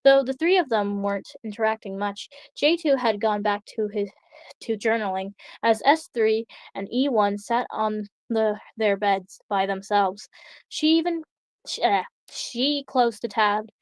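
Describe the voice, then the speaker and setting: Young woman streamer reading a story out loud, trips over words, laughs it off, dry close mic. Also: medium pitch, measured pace, dry recording. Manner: stumbling, self-correcting, chatty. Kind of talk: reading aloud with casual asides.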